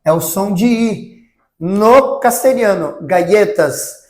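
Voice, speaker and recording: Slow, patient man teaching in an echoey room. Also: high voice, lively intonation. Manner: patient, repeats each example word slowly, tags lines with "tá?". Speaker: Spanish teacher. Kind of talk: recorded online language lesson. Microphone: close mic he speaks into for examples.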